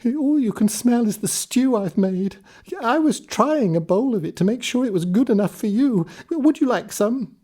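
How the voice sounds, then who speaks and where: A little old woman of a fairy-tale castle, as a male narrator puts her on. The voice is pitched very high and has a husky edge. She is wary and urgent, like someone giving a warning. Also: expressive, moderate pace, a little mellow. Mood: placating.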